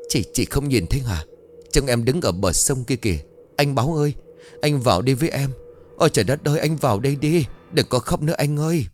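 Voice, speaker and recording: A man's voice: medium pitch, animated, brisk, a little mellow, a little hiss or hum, voice pushed up, close to an everyday voice. A man voicing a hysterical middle-aged village widow who wails and pleads, in a storybook ghost tale. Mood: frantic pleading. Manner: wailing, pleading cries.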